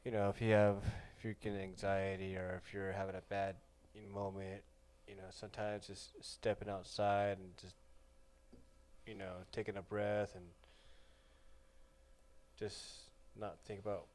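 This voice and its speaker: A man hosting a casual podcast, relaxed and agreeable, chiming in with short affirmations. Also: fairly low pitch, a little slow. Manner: easygoing, lots of short affirmations. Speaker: podcast host.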